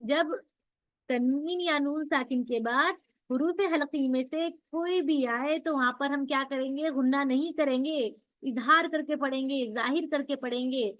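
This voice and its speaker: A woman's high voice comes through dull, lo-fi audio, speaking a little slowly. She teaches the rules of Quran recitation in an online class, patiently explaining and raising questions only to answer them herself.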